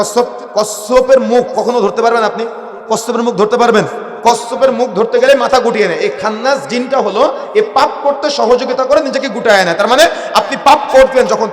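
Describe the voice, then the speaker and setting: A man with a Bangladeshi Bengali accent delivers an Islamic sermon, his fairly high voice swelling into impassioned shouts before sinking to a soft plea. The sound carries a long, roomy reverb, as if recorded in a large hall or event tent. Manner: impassioned, rising to shouts, then soft pleading quotes. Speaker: preacher.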